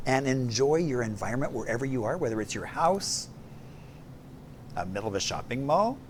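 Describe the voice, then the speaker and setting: A man's voice: medium pitch, animated, moderate pace, slight background noise. A man co-hosting a morning show in casual chat, easygoing and jokey, rambling a little.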